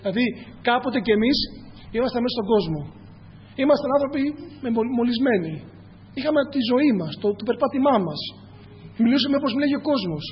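A man's voice: very high-pitched, animated. A man preaching a sermon, speaking earnestly, often addressing his listeners as brothers and asking rhetorical questions. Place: church hall. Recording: echoey hall, dull lo-fi, faint hum.

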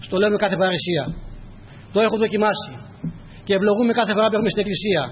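A man's voice: high-pitched, big-room sound, lo-fi sound, a little hiss or hum. A man preaching a sermon in a church, reading scripture and urging his listeners with repeated direct appeals. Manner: repetitive exhortations, direct address to listeners.

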